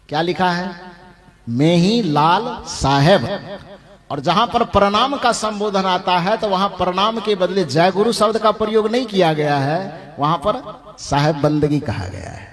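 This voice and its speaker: A male preacher giving a devotional discourse. He poses rhetorical questions, answers them himself, slows down to stress names, and chuckles often while speaking. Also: high voice, lively intonation, fairly bright tone. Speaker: religious preacher.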